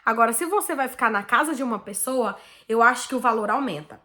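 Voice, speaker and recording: This Brazilian woman vlogger talks fast, her voice on the high side, as she animatedly relates a personal story to viewers. With a Brazilian Portuguese accent, her casual chatter is peppered with "né" and "tipo assim."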